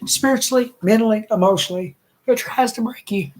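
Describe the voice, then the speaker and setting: A woman's voice: on the high side, fairly quick, a little mellow. A woman, a single mother venting in a blunt, emotional rant full of swearing and bitter laughs. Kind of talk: angry personal rant.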